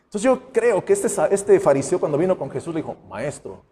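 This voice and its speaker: Animated pastor in a reverberant church. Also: male voice, high voice, fast. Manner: conversational preaching, acts out quoted voices. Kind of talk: sermon. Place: church sanctuary. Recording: long church hall reverb.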